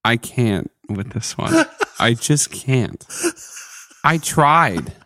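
A man's voice: medium pitch, animated, very slow, bright, forceful tone, no echo. A man co-hosting a comedy podcast, chatting loosely, with lots of giggling and filler words. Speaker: podcast co-host. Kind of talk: casual comedic chat.

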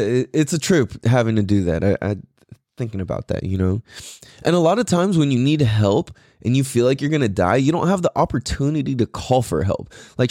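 A man's voice: mid-range voice, darkish tone, dry recording, studio quality. A man casually telling a story in a rambling, profane way, full of fillers and restarts.

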